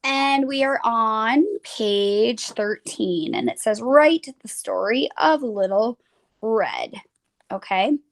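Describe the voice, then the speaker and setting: A woman's voice: a little high, lively intonation, takes it slowly, gravelly. A young woman teaching a children's phonics lesson, chatting casually and saying "like" a lot as she draws. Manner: casual, chatty, says "like" often while drawing.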